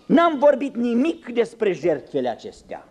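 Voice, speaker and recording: High-pitched, dramatic male preacher. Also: huge pitch swings, darkish tone. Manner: dramatic, acts out quoted speakers with big pitch swings; ironic, conversational asides to the congregation. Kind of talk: sermon.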